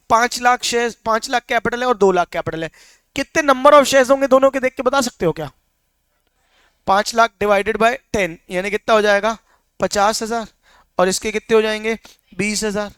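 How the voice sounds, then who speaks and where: A young man teaching a class, his voice high and smooth. He keeps quizzing the students with rapid questions and slips English terms into the lesson. The recording is close and dry. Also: fairly bright tone, no echo. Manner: mixes English terms into speech. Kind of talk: classroom lecture.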